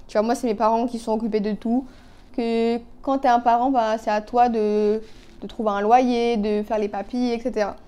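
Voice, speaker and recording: A woman in her twenties talks through her makeup in a loose, chatty way, scattering fillers and asides. Her voice sits a little high but sounds soft and mellow. It is recorded on a phone. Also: level tone, normal speed, clean tone. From Canada. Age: 20s. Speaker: beauty vlogger. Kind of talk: casual chat while doing makeup.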